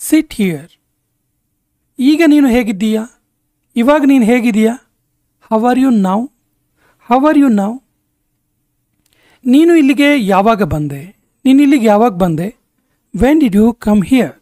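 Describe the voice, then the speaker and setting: A man teaching spoken English, saying each short sentence twice in a slow, deliberate way. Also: sits high, darkish tone, no echo, clean studio sound. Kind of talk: spoken language lesson.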